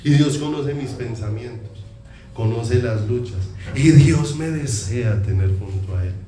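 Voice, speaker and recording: A man's voice: mid-range voice, unhurried, dark tone. A man with a Colombian accent preaching a sermon in a church hall, talking in a conversational way and asking the congregation many questions. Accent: Colombian Spanish. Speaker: pastor. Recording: echoey hall, distant mic, noisy.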